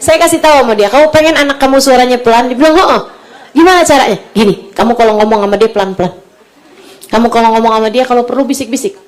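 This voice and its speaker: A woman giving an Islamic sermon to mothers, moving between soft, hushed advice and lively raised storytelling. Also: fairly high pitch, rapid-fire. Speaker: preacher.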